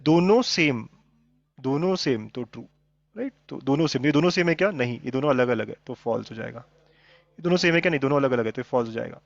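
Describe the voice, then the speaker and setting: A man's voice: mid-range voice, animated, a little fast, gravelly, no room sound. A man teaching maths in a live online class, often checking in with his students. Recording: dull lo-fi sound, dry.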